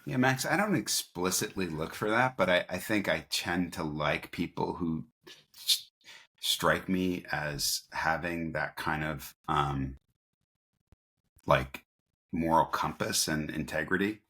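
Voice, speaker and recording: A company founder, appearing as an interview guest, tells stories in a casual, informal way and likes to act out snippets of dialogue. His voice is low-pitched with a sharp tone, and he speaks slowly.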